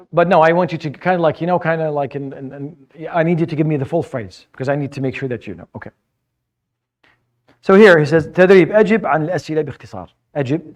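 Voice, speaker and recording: Male teacher, fairly high voice, patient classroom lecturing that stumbles over repeated words. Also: darkish tone. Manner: patient, repeats words while searching for phrasing; mixes English explanation with Arabic vocabulary. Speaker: Arabic teacher.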